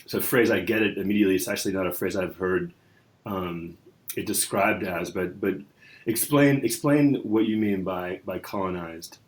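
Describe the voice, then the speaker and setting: A male podcast host with a very low voice puts questions to his guest. He stumbles and repeats words while he asks. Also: moderate pace. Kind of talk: podcast interview.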